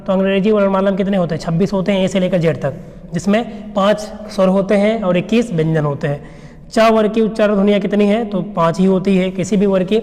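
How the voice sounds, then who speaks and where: A man's voice: sits high, steady tone, fast, dark tone, in a large hall. A male teacher giving an exam revision lecture, who asks questions and then answers them himself. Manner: explains by asking and answering his own questions.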